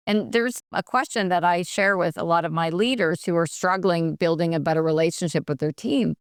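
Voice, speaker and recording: A woman speaking as a podcast guest expert, passionate and animated, acting out quoted dialogue as she gives advice. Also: fairly low pitch, fairly quick, clean tone, dry recording, studio quality. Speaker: guest expert on workplace bullying. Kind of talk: podcast conversation, advice-giving.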